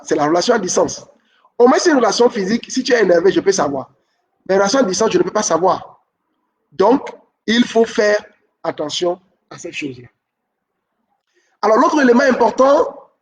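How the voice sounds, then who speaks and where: A notably high-voiced man, heard on a distant mic, talks about relationships in a steady, instructive way. He hammers points home by restating them and keeps pausing to confirm listeners understand.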